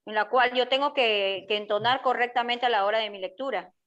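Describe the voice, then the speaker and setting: A woman's voice: fairly high pitch, brisk, a bit bright, highs cut off. A woman student answering her teacher hesitantly, ending phrases with a questioning tag.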